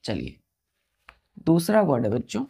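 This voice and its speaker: Woman teacher going real slow, spells words out letter by letter, keeps asking the kids questions. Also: very deep voice, wildly swooping pitch, vocal fry, warm tone, breathy edge. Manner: repeats each word and its meaning patiently. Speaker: English vocabulary teacher. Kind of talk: online exam-prep lesson.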